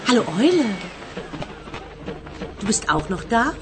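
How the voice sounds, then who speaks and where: An actress playing a character in a German learners' radio drama, asking slow, surprised questions. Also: female voice, a little high, very animated, noisy background.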